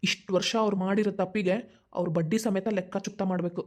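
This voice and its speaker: Voicing a cartoon character, an earnest young man devoted to his family as son and brother, a woman speaks fast in a pleading, determined way. Her mid-range voice has fairly even intonation and is only lightly acted, with a North Karnataka Kannada accent.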